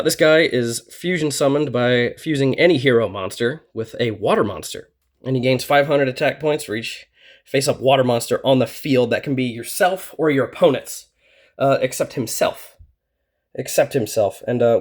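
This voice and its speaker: A man with a middle-range pitch hosts a relaxed deck profile. He rambles along, dropping fillers and short chuckles as he explains each card. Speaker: channel host presenting a card deck. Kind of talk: casual deck profile talk.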